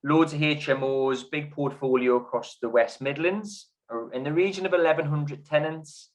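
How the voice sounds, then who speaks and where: A man's voice: on the high side, moderate pace, rough recording. A man hosting a property podcast, chatting casually and laughing easily with his guest. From Newcastle area lived. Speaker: podcast host. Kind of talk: casual interview.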